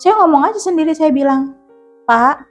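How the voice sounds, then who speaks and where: A woman, telling a ghost story as a guest in an animated way. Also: on the high side, normal speed, soft background music. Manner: animated, vivid retelling with acted-out quotes. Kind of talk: casual spoken ghost story.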